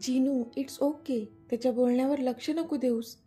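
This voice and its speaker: A woman's voice: sits high, fairly even intonation, moderate pace, dark tone, breathy edge, faint music behind. A woman voicing a protective young mother who scolds and soothes her child. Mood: soothing. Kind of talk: storybook dialogue reading.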